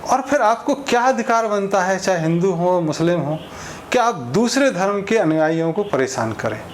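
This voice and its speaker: In a casual opinion monologue, a man with a high voice comments on society, leaning on everyday examples and imagined conversations to make his case. A faint hiss or hum sits under the recording.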